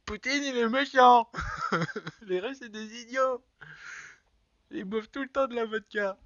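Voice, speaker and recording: Guy doing a squeaky loud mocking caricature bloke, jeering, kinda muffled. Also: normal speed, dry recording. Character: shrill mocking caricature of a grown man. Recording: dull lo-fi sound.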